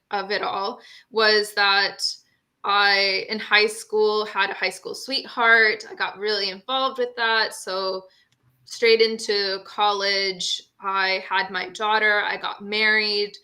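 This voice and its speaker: Bright-voiced young woman telling her story. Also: mid-range voice. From Honduras. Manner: earnest and candid, with frequent fillers and quick bursts. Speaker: guest. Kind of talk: personal storytelling in a live-stream talk.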